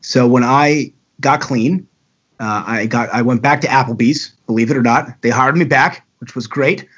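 A man's voice: medium pitch, normal speed, a bit bright, husky, highs cut off. A talkative man from the Baltimore area, telling his story candidly as a podcast guest. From Baltimore area, USA. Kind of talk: casual storytelling.

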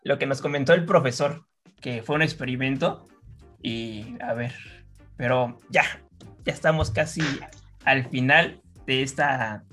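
A young woman chatting casually, relaxed and often searching for words. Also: very deep voice, a little slow, faint music behind. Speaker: interviewer. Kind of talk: casual chat.

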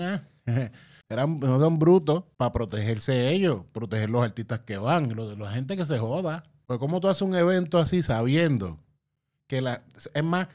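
A man's voice: medium pitch, a little mellow. A man with a Puerto Rican accent, ranting bluntly and heatedly in a casual, profane monologue.

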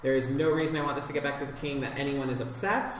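A man at a tabletop game barks orders at an imagined kitchen staff and rambles between them. He sits back from the mic in a very echoey room. A steady noise sits underneath. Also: mid-range voice, quick pace. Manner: bossy, rambling, slips into giving orders in character. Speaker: player. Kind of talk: playing a character in a tabletop game. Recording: echoey room from far off, noisy.

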